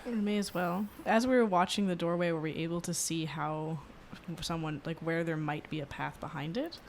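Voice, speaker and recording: A woman playing in a tabletop role-playing game, reasoning aloud in a measured way. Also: low voice, steady tone, slight background noise. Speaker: player. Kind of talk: casual game talk.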